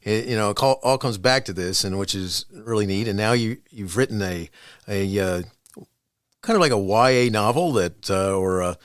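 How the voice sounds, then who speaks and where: A man's voice: lowish voice, moderate pace, dry recording, studio quality. A man hosting an education podcast interview, reading a guest introduction and chatting loosely with many restarts. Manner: chatty, repeats words and restarts. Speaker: podcast host.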